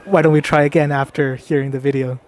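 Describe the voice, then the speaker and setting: A man's voice: on the high side, steady tone, fast, darkish tone. A young man hosting a casual street interview vlog, asking questions. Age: young adult. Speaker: host interviewer. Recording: faint ambient noise.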